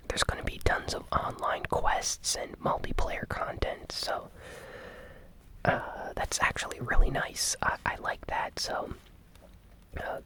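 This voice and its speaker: In a soft, breathy whisper, this host recaps gaming news ASMR-style, taking it slowly with a hushed, gently enthusiastic tone.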